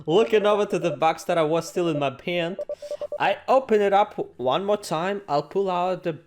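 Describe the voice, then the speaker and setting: This man's voice is high and moderately paced, recorded against a noisy background with game music. As the host of a let's play, he reads the game text in a playful, theatrical manner, peppered with joking asides to himself.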